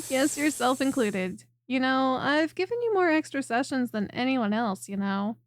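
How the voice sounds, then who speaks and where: Speaking slowly with big pitch swings, a woman gives a full character voice to a snake-bodied chiropractor monster girl in ASMR audio. It's high, very dry and close to the ear, with no room sound, and her soft, attentive, clingy, coaxing manner carries a teasing streak. She comes across as affectionate and teasing.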